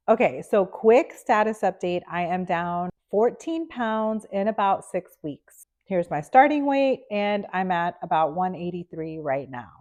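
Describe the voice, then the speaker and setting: In a direct-to-camera health vlog, a nutritionist with a mid-range, slightly mellow voice talks in an upbeat, chatty way. A cold makes her sound nasal, and she keeps checking in with "okay?".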